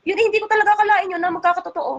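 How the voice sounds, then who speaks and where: A woman's voice: very high-pitched, fairly even intonation, lo-fi sound. A woman hosting a casual livestream chat, talking in an indignant, scolding way. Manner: indignant, scolding, talks fast. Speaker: livestream host.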